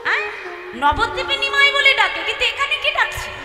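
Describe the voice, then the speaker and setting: Woman voicing a young male saint, eager, high and quick, echoey hall, distant mic. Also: expressive, over loud music. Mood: wondering.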